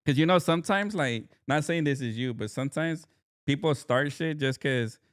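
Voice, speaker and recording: A man's voice: fairly high pitch, moderate pace. A man hosting a podcast from Southern California, chatting casually in laid-back street slang with plenty of fillers. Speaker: podcast host. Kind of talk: casual chat.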